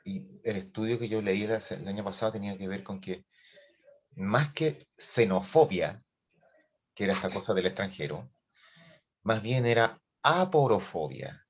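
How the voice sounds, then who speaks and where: A Chilean man leads a class discussion over a video call in a lively, joking, colloquial way. His voice sits on the low side. The call audio is muffled and lo-fi. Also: normal speed. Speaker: teacher.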